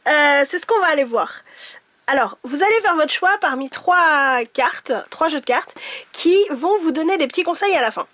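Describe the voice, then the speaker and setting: Bubbly woman with a high voice, a card-reading vlogger, chatty and giggly, recorded dry and close. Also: animated, moderate pace, a bit bright, no echo. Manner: chatty, giggly, with many fillers and restarts. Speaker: tarot and oracle card reader. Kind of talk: casual chat to camera.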